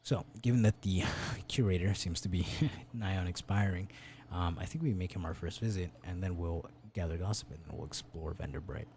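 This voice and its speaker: Young male streamer, very deep dark gravelly voice, reads game text aloud, slips into a hushed whisper, faint background noise. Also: brisk.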